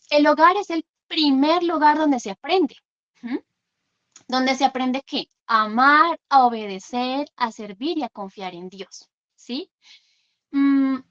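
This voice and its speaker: A woman's voice: high voice, dull audio. A woman psychologist giving an earnest workshop talk to parents, checking in with her listeners often.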